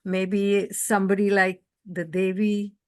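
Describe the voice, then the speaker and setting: A woman moderating a talk, asking questions earnestly and haltingly as she searches for words. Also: medium pitch, level tone, no echo, clean studio sound. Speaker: festival moderator. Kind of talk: conversational interview questions.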